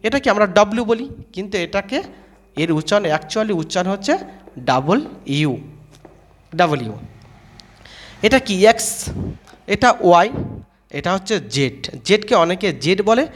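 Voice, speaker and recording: A man giving a spoken lesson on how to say letters, asking questions, answering them himself and repeating each sound slowly. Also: sits high. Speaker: English teacher.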